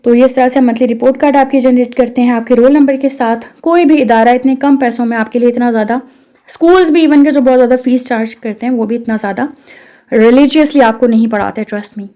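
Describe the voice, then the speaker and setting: A high-pitched woman with a Pakistani accent, speaking in a mellow, dark tone. She is an English course instructor walking through her program step by step. She keeps asking rhetorical questions and mixes English phrases into her talk. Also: brisk. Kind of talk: promotional course explainer.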